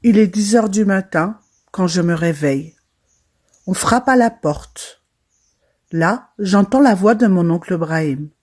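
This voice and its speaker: A young woman narrating a first-person horror storytime, with a dramatic and lively delivery. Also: medium pitch, measured pace. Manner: dramatic, lively retelling with quoted voices.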